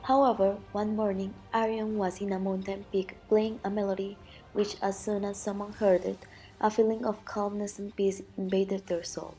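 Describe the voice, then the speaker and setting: A woman with a mellow, dark voice narrates an ancient myth from a script. She tells it gravely, with light music playing underneath. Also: mid-range voice, flat delivery, moderate pace, rough recording.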